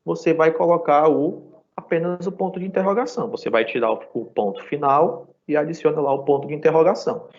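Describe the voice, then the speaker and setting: A man's voice: a little high, a little fast, hardly any pauses. A man with a Brazilian Portuguese accent teaching an English class live online, explaining patiently and checking in with the students often. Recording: dull lo-fi sound.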